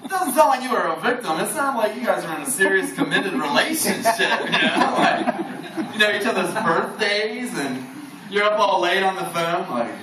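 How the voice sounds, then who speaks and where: A male stand-up comedian works a bar lounge with a high, bouncing voice, laughing along with his own jokes. He sounds distant, and the reverberant room is thick with crowd noise. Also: moderate pace. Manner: animated, laughs through his own lines. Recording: echoey room from far off, noisy crowd.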